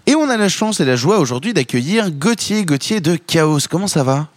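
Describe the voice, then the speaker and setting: A man's voice: a little high, sing-song, moderate pace, no echo. A very tired man hosting a casual film talk show. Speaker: podcast host.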